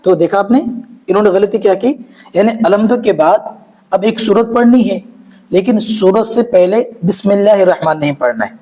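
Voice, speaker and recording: High-voiced man teaching prayer steps. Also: animated, moderate pace, dark tone, poor audio. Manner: patient, repetitive, often checks understanding with "okay". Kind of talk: step-by-step instructional demonstration.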